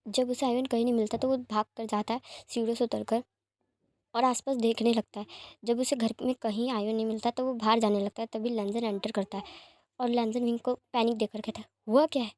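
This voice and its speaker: A woman's voice: on the high side, little pitch movement, a little fast, darkish tone, no echo. A woman reading a fan fiction story aloud in plain narration, with small slips and restarts.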